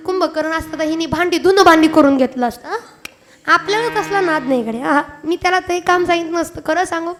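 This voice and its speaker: A woman kirtan preacher giving a devotional sermon, emphatic and chatty with asides to her audience. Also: high voice.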